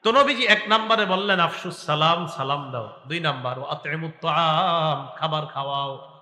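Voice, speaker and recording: A high-voiced male preacher with a very bright, piercing tone exhorts a crowd, asking questions and chanting Arabic lines. His voice rings through a large hall with long, echoing reverb. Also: normal speed. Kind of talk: Bengali waz sermon.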